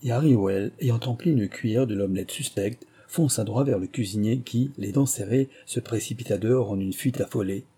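A man narrating an adventure novel in a measured audiobook reading. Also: on the low side, warm tone, breathy edge.

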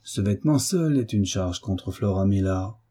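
A man's voice: fairly low pitch, lively intonation, moderate pace, mellow, breathy edge. A man voicing an irritable, sneering police inspector in an audiobook reading, with a bitter, insistent manner.

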